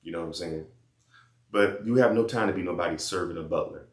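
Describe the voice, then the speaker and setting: A man's voice: low voice, fast, roomy sound. A man giving blunt, repetitive life advice in casual slang, talking straight to his viewers. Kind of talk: casual advice monologue and phone chat.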